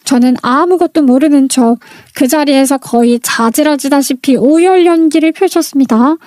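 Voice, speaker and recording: A woman's voice: high voice, normal speed, dark tone, no echo. A woman narrating a first-person family drama story in a confiding, dramatic way.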